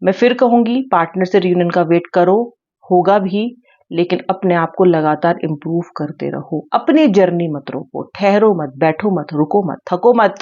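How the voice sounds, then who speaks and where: A woman's voice: on the low side, moderate pace. Earnest woman tarot reader, dull lo-fi sound. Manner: earnest, repeats key words, mixes Hindi and English. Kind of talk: tarot reading monologue.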